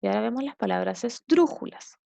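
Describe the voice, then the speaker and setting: A woman teacher with a Chilean Spanish accent walks students through a lesson in a patient, explanatory way, often pausing to check understanding. Her voice sits somewhat high. The recording is dry, with little room sound. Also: expressive, gravelly, mellow, no room sound.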